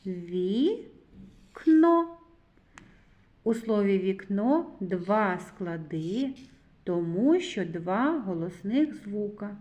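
A woman's voice: mid-range voice, warm tone. A woman kindergarten teacher giving a literacy lesson to preschoolers, spelling out sounds carefully and praising the children. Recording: echoey, slightly dull recording.

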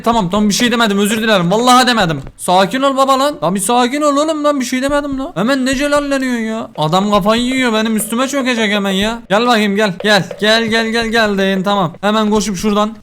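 A man giving live gaming commentary, excitable, muttering to himself and cursing at the game. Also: sits high, clear, resonant tone. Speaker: gaming streamer.

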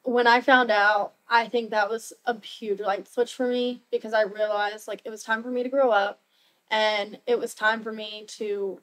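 Young woman, fairly high voice, upbeat, chatty, lots of fillers. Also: flat delivery, moderate pace, fairly bright tone, low-quality recording. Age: young adult. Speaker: new real estate agent. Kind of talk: casual interview chat.

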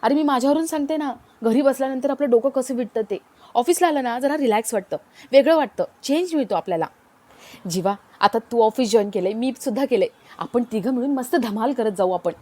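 A friendly young coworker chatters on breezily and eagerly, with a woman reading her part. The voice sits a little high. It is told as a storybook tale. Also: expressive, brisk, dark tone. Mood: chatty.

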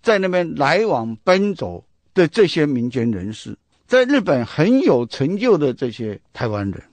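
A man's voice: a little high, big pitch swings, moderate pace, a little mellow, no room sound. A man with a Taiwanese Mandarin accent, hosting a radio book talk, chatty and full of rhetorical questions and storytelling. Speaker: radio host.

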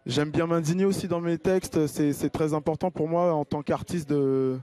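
With acoustic guitar playing in the background, a musician guest in his thirties, from Congo-Kinshasa and a native Lingala speaker, is interviewed casually on a stage with colored drapes in an outdoor square. Speaking into the host's handheld mic with no echo, his voice is on the high side, mellow and fairly even at normal speed, full of hesitation, fillers and restarts.

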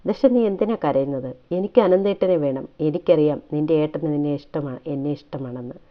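A woman's voice: low voice, a little fast, muffled recording, natural voice. Woman voicing a heartbroken young woman pleading. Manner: pleading, breathless and tearful. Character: young woman weeping over her love.

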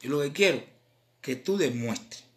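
A man with a Cuban accent, a rapper chatting casually on a live stream in animated, slang-filled talk. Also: medium pitch, measured pace. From Cuba.

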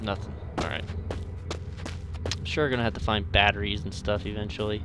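A man's voice: on the low side, steady tone, a little fast, very noisy. A man giving casual gameplay commentary, talking offhandedly to himself as he plays. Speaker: video game player recording a playthrough. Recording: game music behind the voice. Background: horror game music and sounds.

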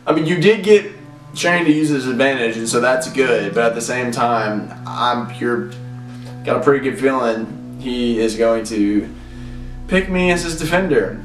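A man's voice: medium pitch, measured pace, faint music behind. A young man, a reality show contestant, rambling in exasperation in a confessional. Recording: roomy, distant mic.

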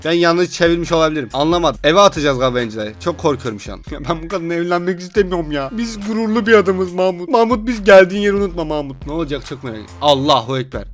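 A young man giving excitable, joking commentary while playing a game, often laughing and exasperated. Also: on the high side, racing, hardly any pauses. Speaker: gaming YouTuber. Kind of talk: gameplay commentary. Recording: faint game music behind.

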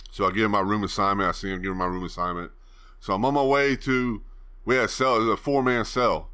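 Young host with a low, bright voice; easygoing, rambling anecdote style. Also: male voice, steady tone, a little fast, pauses often, smooth. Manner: laid-back, rambling, swears freely. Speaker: channel host. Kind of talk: casual storytelling to camera.

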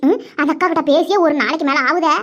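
Woman doing a squeaky gossiping village woman. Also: quick pace, highs cut off, lightly acted. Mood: eager. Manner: chattering, scolding gossip.

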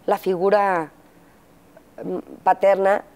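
A middle-aged woman with a Mexican accent telling her story as an interview guest, pausing often with fillers and acting out quotes. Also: medium pitch, little pitch movement, a little mellow, clean tone. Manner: halting, frequent fillers, acts out quotes. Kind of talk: candid interview testimony.

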